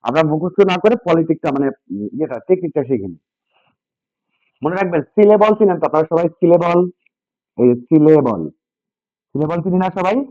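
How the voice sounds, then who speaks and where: A man's voice: a little high, lively intonation, brisk, long pauses, dry recording. A man teaching English grammar to a class, repeating key points and asking students questions. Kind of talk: classroom lesson with call-and-response. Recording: dull, dry lo-fi sound.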